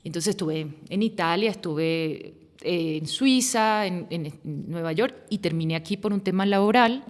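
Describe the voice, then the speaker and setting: A woman's voice: on the low side, unhurried. A woman, speaking as a podcast guest in an earnest, reflective way, building long sentences as she thinks aloud. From Venezuela. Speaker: guest, women's rights activist. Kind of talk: podcast interview conversation. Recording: long hall-like reverb.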